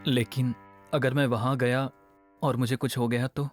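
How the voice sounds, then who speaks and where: A man's voice: medium pitch, flat delivery, moderate pace, lightly acted. A man playing a shaken young survivor. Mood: fearful. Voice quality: hesitant, fearful. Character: frightened young man who survived the forest. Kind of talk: dubbed film dialogue. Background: film score music.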